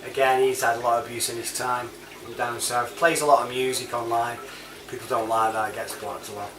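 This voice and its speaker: This British CB chat app user and online reviewer talks briskly in a flat, medium-pitched voice, rambling casually in a chatty, slang-heavy, matey way. A distant mic captures a roomy sound with clear background noise.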